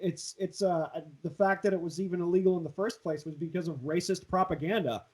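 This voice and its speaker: Speaking high-pitched and a little fast, a podcast host who hopes to become a voice actor chats in a relaxed, slangy, casual way. He has a Southern California accent.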